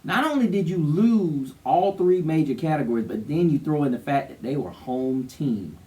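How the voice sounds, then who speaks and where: A man's voice: a little high, animated, normal speed, mellow, recorded from a distance. A man co-hosting a sports show, giving casual, emphatic, opinionated commentary. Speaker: co-host of a college football show.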